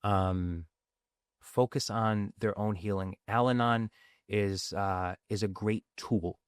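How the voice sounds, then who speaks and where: Fairly low in pitch with fairly even intonation, his smooth voice unhurried, this guest talks earnestly about addiction recovery in a casual chat, frequently tacking on "right?". He grew up bilingual in a Sicilian family, with Sicilian his first language, and the recording is studio quality with no echo.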